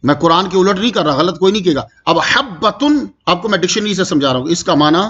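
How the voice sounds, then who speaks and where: A man teaching a Quranic commentary lecture, reciting verses slowly and drawn out, then explaining them and asking his listeners questions. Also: sits high, fairly bright tone, breathy edge, lo-fi sound.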